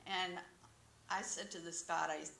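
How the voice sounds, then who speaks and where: Woman, middle-aged, earnest church testimony, rough fry in the voice, echoing wood-paneled sanctuary. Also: fairly low pitch, steady tone, moderate pace, pushed and bright, slight background noise. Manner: earnest, storytelling, quotes scripture. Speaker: church member sharing a testimony. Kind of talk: personal testimony. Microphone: podium microphone. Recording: roomy church echo.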